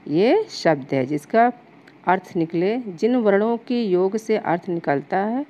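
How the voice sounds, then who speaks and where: Lady english teacher explaining grammar to kids, super slow dictation pace, warm low-key tone. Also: expressive, rough recording. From India. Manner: slow, dictation-like reading of English definitions, then explains in Hindi; addresses students directly, patient and explanatory. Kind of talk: classroom grammar lesson.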